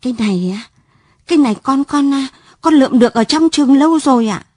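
A woman's voice: high voice, expressive, measured pace, warm tone, husky, dry recording, studio quality, voice pushed up, full character voice. A woman voicing a guilty teenage son who stammers out excuses in a raised voice. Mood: stammering.

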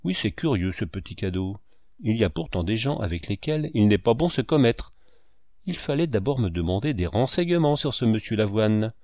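A man's voice: on the low side, sing-song, moderate pace, no echo. Man voicing a furious sneering painter. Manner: loud, mocking, shouting. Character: furious proud male painter, brutal and sneering.

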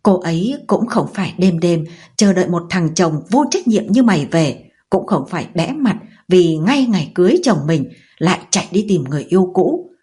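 A man's voice: high-pitched, darkish tone, breathy edge, exaggerated voice. A woman voicing an articulate, educated older brother who speaks in a mocking way. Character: educated older brother, contemptuous, later contrite.

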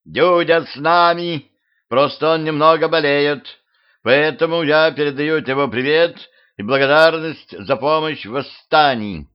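A man's voice: on the high side, measured pace, clear, resonant tone, dull audio, pitched above the performer's own voice, natural voice. A man voicing a scheming female ruler of monsters, commanding and shrieking, in a home audiobook.

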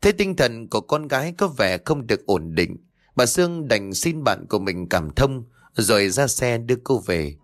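A man's voice: mid-range voice, big pitch swings, normal speed, dry recording, studio quality. Man narrating a ghost story.

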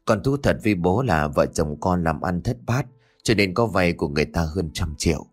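A man's voice: low-pitched, expressive, fairly quick, soft background music, pitched below the performer's own voice. A man doing a harsh, greedy grown son. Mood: wheedling. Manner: snarling, harsh.

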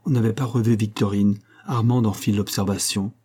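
A man narrating a novel chapter in measured, scripted storytelling. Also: fairly low pitch, steady tone, warm tone, breathy edge. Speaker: audiobook narrator.

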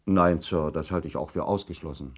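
A male actor voices a defensive British ship's officer giving evidence at an inquiry in a German radio documentary drama. He answers in firm, formal, clipped phrases, hesitating at times, in a low, husky voice with fairly even intonation and normal pacing. The mood stays controlled and formal.

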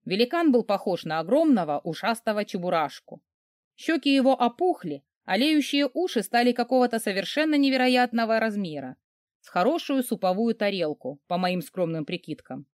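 Woman narrator for comic romance, wry and animated, mid pitch, dry booth sound. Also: dry recording. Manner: wry, theatrical, quick mood swings in quoted lines. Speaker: audiobook reader.

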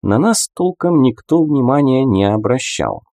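A man narrating a first-person audiobook in an expressive storytelling manner. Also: medium pitch, unhurried, no echo, studio quality.

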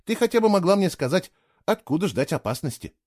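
A man's voice: sits high, big pitch swings, brisk, darkish tone, breathy edge, pitched above the performer's own voice, full character voice. A man voicing an indignant young man, a stranger in a strange world, speaking in an irritated, insistent way. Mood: earnest.

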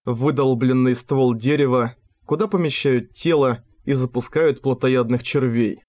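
A man reading a novel aloud in measured, even narration. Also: medium pitch. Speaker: audiobook narrator. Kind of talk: scripted narration.

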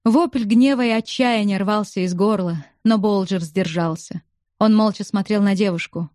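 Mellow-voiced woman narrating an audiobook. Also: medium pitch, moderate pace, dry recording, clean studio sound.

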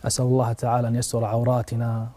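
A man's voice: medium pitch, monotone, rapid-fire, mellow. A male preacher giving a religious talk. He tells a story with passion, his voice rising sharply at the dramatic moments, and he speaks directly to his listeners as brothers and sisters.

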